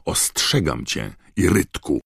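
A man voicing a strict older female professor with a sharp, commanding manner. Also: extremely low pitch, slow, creaky, breathy edge, no echo, full character voice. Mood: stern, angry.

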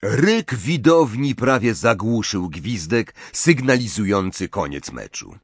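Lively male audiobook narrator. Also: on the low side, slow, breathy edge, no echo. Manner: lively, expressive reading. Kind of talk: scripted narration.

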